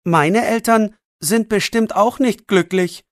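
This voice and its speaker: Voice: mid-range voice, slow pace, no echo, clean studio sound, pitched above the performer's own voice. A narrator voicing a defensive young teenage boy who argues back in a learner's audiobook. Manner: defensive, pleading. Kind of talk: audiobook role voice.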